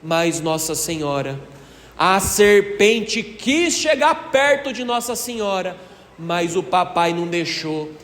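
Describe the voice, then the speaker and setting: A man's voice: sits high, sing-song, slow pace, fairly bright tone. A male priest preaching a sermon in a folksy storytelling way, asking the congregation questions. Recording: echoey hall reverb, faint ambience.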